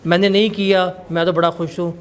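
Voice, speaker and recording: Man, teacher, high voice, blunt and scolding, classroom lecture. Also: flat delivery, brisk.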